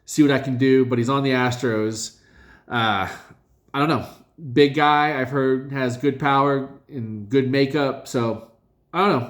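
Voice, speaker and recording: Guy going over his league's draft picks, rambly, keeps saying uh and um, stops and restarts. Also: mid-range voice. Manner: rambling, halting, many fillers and self-corrections. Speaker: fantasy league member reviewing draft picks. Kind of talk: casual spoken review.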